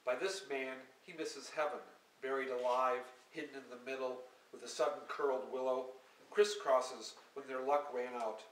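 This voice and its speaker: A poet at a live reading who reads his poems in a measured, unhurried way and explains his work with halting, hesitant asides. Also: medium pitch, fairly even intonation. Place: small hall at a live reading. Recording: echoey live room from a distance, faint hiss.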